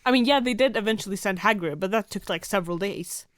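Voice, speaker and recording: Chatty woman with a smooth voice. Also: mid-range voice, fast, no room sound, studio quality. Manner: animated, swears casually, lots of fillers. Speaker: podcast co-host. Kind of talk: casual chat.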